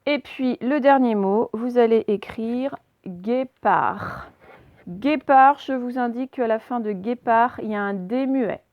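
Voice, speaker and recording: A woman's voice: on the high side, normal speed, hardly any pauses, no echo, muffled recording. A woman teacher giving a spelling dictation to young pupils, carefully sounding out each letter and syllable. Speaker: primary school teacher. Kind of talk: dictation lesson for children.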